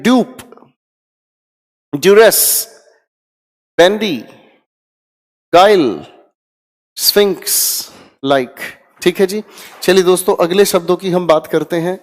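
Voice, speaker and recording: A man's voice: high-pitched, darkish tone, long reverb tail. A man teaching English vocabulary in Hindi for exam prep, drilling words aloud with his students and checking in often.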